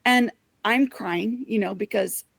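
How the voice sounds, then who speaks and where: A woman's voice: mid-range voice, slow, creaky, a bit bright, dry recording. A woman hosting a reflective spiritual talk, speaking in an earnest, heartfelt way and addressing listeners as her friends.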